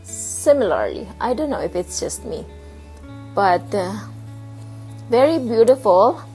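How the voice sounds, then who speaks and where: A woman vlogging casually at home, showing her houseplants and pausing to hunt for words. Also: a little high, very animated, a little mellow, soft background music, rough recording. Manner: chatty, pauses to hunt for words. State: slightly out of breath. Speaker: plant vlogger. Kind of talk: casual show-and-tell vlog. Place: home with plant shelf, indoors.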